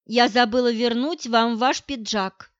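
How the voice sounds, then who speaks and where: A woman's voice: on the high side, a little slow, dry recording, muffled recording, close to an everyday voice. A woman reading the lines of a confident, coquettish young woman in an audiobook, in a sweet, coaxing manner.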